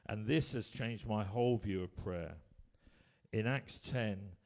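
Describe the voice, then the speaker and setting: Male preacher, lowish voice, storytelling sermon, swings from bold to hushed. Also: slow, vocal fry. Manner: storytelling, rising to emphatic bursts then dropping quiet.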